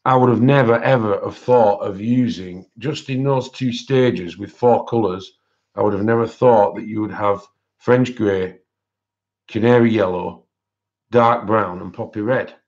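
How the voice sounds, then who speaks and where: Male livestream host, lowish voice, can't quite say his R's, informal chat, dull sound. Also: measured pace, a little mellow. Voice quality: cannot pronounce his R's properly, says w for r. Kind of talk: casual live-stream chat, showing colouring books. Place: indoors at a desk, overhead camera on hands.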